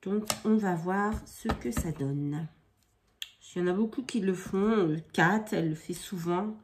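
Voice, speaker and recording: A woman's voice: fairly low pitch, measured pace, background noise. A woman chatting casually as she demonstrates scrapbooking at her craft table at home, improvising and often hesitating. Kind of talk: casual craft tutorial chat.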